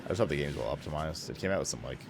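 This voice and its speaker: A man's voice: very deep voice, expressive, very fast, very noisy. A man giving casual commentary as he plays a video game in a let's play. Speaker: let's player. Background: loud game music.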